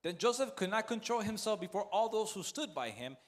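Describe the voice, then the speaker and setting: A man's voice: sits high, very animated, normal speed. A man interpreting a sermon phrase by phrase, following right after the preacher and restarting now and then.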